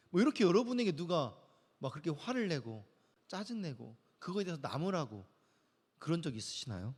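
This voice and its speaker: A man's voice: fairly high pitch, darkish tone, breathy edge. A man preaching a youth sermon as pastor, talking in a conversational way and acting out the lines he quotes. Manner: conversational, acts out quoted voices. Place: church sanctuary. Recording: long church hall reverb.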